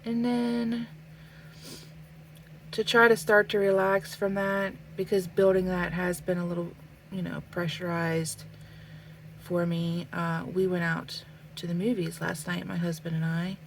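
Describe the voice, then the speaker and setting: Drawing on camera, a young adult woman talks in a slow, thoughtful, casual manner packed with fillers, sniffling through a stuffy nose. Her low, gravelly voice barely changes pitch, and there's a faint hiss or hum in the recording.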